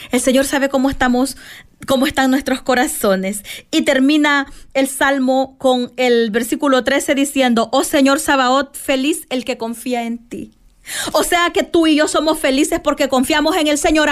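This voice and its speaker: A woman in her thirties giving a fervent devotional sermon, tender and repetitive, who often says a phrase twice. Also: high voice. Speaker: lay preacher. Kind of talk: devotional preaching.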